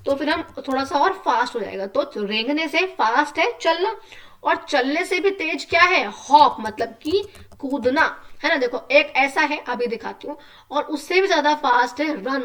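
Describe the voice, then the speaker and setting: High-voiced woman teaching young children. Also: a bit bright, far from the mic. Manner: repeats words slowly for children, asks rhetorical questions. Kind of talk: explaining a school lesson to children.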